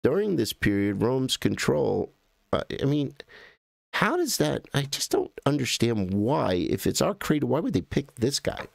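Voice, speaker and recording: A man's voice: mid-range voice, very animated, a little slow, gravelly, dry recording, clean studio sound. An American man hosting a livestream, rambling and correcting himself as he thinks aloud while clicking through images. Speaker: livestream host. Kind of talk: casual livestream commentary.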